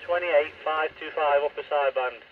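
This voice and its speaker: A man talks in a rambling, easygoing way over a ham radio. His voice comes through muffled and distant, buried under loud static hiss. The signal sounds dull and lo-fi. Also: on the high side, moderate pace. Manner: chatty, rambling, relaxed. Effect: muffled, noisy ham radio transmission. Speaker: amateur radio operator. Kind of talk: casual on-air radio chat.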